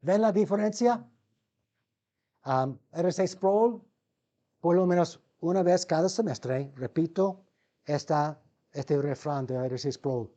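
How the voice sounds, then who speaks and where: A man's voice: fairly high pitch, slow pace, long pauses, warm tone, highs cut off. A man giving a seminary Bible lecture, calling his listeners brothers, asking them rhetorical questions and often restarting words mid-sentence. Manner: asks the class rhetorical questions.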